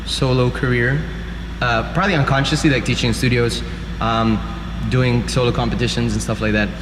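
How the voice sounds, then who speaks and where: A man in his thirties from the Philippines, a dancer and teacher chatting casually as an interview guest, relaxed and full of fillers. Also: mid-range voice, normal speed. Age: 30s. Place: university room. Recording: echoey room, loud background noise.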